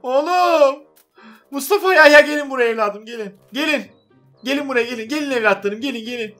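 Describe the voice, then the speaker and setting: A man's voice: very high-pitched, sharp tone, soft background music. A man hosting a Roblox game video, playing a fussing dad in a role-play. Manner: fast, exclaiming, fussing. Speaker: gaming channel host playing a dad.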